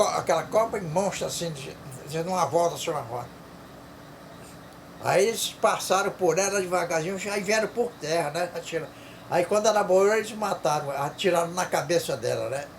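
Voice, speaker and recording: A man's voice: high-pitched, slight background noise. An older man with an Amazonian Brazilian accent tells stories informally, rambling and repeating words, often tagging phrases with a short question. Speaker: storyteller. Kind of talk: informal oral storytelling. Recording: echoey room.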